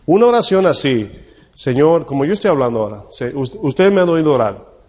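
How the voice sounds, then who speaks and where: A male pastor preaching a sermon in a conversational tone, asking the congregation questions and slowing down to read scripture. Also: fairly high pitch, lively intonation, darkish tone. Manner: slows right down when reading scripture. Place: church hall. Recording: long church-hall reverb.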